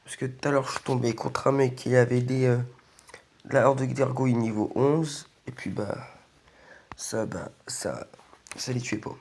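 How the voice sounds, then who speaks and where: This man hosts a gaming video, commentating casually at normal speed in a steady, mid-range voice that is a little mellow. His voice is weak and congested, slightly croaky and strained by a sore throat.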